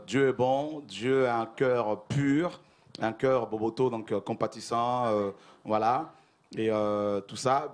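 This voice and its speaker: Brisk man hosting a church gathering. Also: medium pitch. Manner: affirming interjections, quick explanations. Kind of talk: church testimony program.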